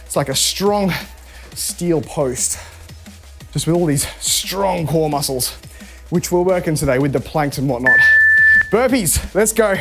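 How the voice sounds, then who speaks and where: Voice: mid-range voice, animated, unhurried, pauses often, music in the background. An instructor coaching a live home workout, chatty and encouraging while demonstrating the moves. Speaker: fitness instructor.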